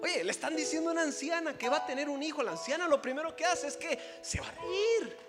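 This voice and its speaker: Young Mexican pastor, very high, emphatic preaching voice with repeated phrases; church hall reverb over faint music. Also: male voice, lively intonation, quick pace. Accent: Mexican Spanish. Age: 20s. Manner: emphatic, repeating phrases and rising to loud peaks. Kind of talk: sermon. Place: church sanctuary.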